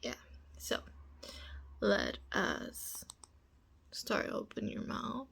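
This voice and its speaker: A young woman voicing a bossy, teasing female roommate in a whispered role-play, speaking softly close to the mic. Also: mid-range voice, sing-song, drawn-out words, vocal fry, breathy edge, full character voice. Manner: teasing, commanding, soft whispering. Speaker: ASMR performer.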